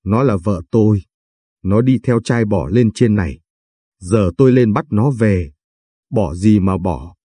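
A man's voice: on the low side, measured pace, dark tone, husky, no echo. A man doing a coarse, bullying young husband. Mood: threatening. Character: brash, menacing young husband from the countryside.

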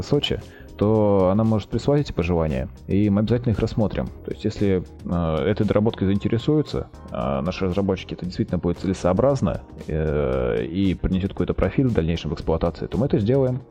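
A man with a low, mellow voice speaks as a company representative, project manager and interview guest, presenting and fielding questions in an informal way with businesslike, sales-like phrasing. He sounds animated and brisk, with faint music in the background.

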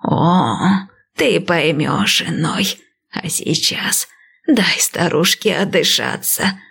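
A woman voicing an old blind priestess and seer, speaking slowly and calmly. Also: lowish voice, vocal fry, slightly rough, full character voice. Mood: calm, wise. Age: older. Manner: slow, calm, measured.

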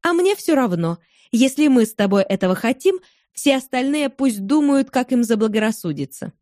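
A woman reading as a passionate young woman of twenty-one, speaking eagerly and with emphasis, higher than her narrating voice. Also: expressive, moderate pace, a little mellow, no room sound, clean studio sound, close to an everyday voice. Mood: determined.

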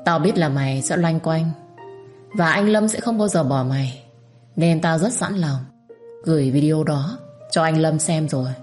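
A scheming rival woman, mocking and threatening over the phone in an audio story, as a woman reader puts her on. Her voice is low and slow with spite. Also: a little mellow, soft background music. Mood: taunting.

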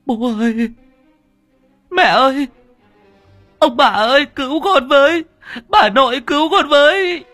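A frightened young boy pleads in a high, strained voice that swings widely in pitch, as a man reading the story puts him on. The tone is husky and dry, with faint music underneath. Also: expressive, measured pace, pauses often, no room sound, exaggerated voice. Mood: terrified screaming.

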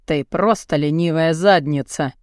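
A woman's voice: low voice, unhurried, darkish tone, dry recording, studio quality, pitched below the performer's own voice. A woman voicing a crude, cocky young muscleman who taunts and speaks bluntly in an audiobook. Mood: mocking. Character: crude cocky muscular young man, mocking and pushy. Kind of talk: audiobook character voice.

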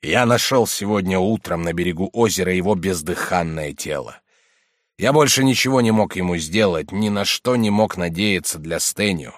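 A man's voice: normal speed, dry recording, clean studio sound, lightly acted. A man voicing a frightened, remorseful monk in a storybook reading. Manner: low, broken and pleading. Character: frightened guilt-ridden male monk, pleading.

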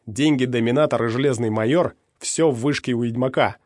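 A man voicing a furious scarred male mercenary, shouting defiantly at a crowd in an audiobook. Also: medium pitch, fairly quick, no room sound, clean studio sound, lightly acted.

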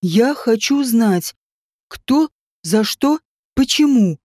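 A woman voicing a grim young man, low and urgent. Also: slow, warm tone, no room sound, clean studio sound. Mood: urgent whisper. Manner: low urgent whisper at times.

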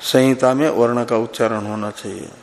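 A man, a monk, giving a scripture discourse, speaking deliberately and posing questions to his listeners before answering them himself. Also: medium pitch, steady tone.

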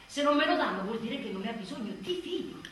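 A woman playing an exhausted, furious new mother in a theatrical monologue, biting and sarcastic, swinging from shouts to hushed tones. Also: a little high, lively intonation, fast, distant mic, a little hiss or hum. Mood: bitter. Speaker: stage actress. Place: theatre stage. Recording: very echoey stage recording from afar.

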